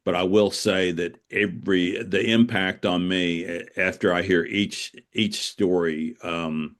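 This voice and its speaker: Being interviewed about his work as an author, a deep-voiced man shares stories in a thoughtful, conversational way. He is earnest and halting, and he repeats phrases to stress them.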